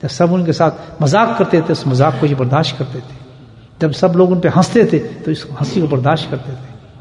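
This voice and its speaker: A man preaching a sermon at a remembrance gathering, firing rhetorical questions and swinging from loud emphasis to hushed asides. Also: on the high side, a little hiss or hum. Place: gathering hall. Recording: echoey hall with long reverb.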